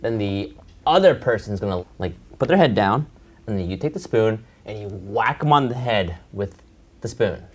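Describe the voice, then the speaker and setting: A young man co-hosts a casual talk show, reacting emphatically and telling stories with excitable energy. His voice moves animatedly between high and low. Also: moderate pace. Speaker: co-host. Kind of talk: casual chat, storytelling.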